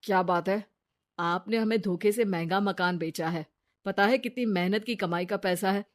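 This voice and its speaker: A woman voicing a wary, blunt adult husband in an animated storybook, who speaks in an accusing way. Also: medium pitch, moderate pace, lightly acted. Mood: stern.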